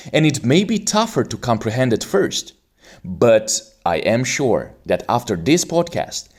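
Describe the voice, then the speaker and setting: Playing the examiner on his English exam-prep podcast, a man from Romania keeps a formal, teacherly tone. His voice is a little mellow and sits at a middle pitch for a man, with a pitch that shifts a great deal.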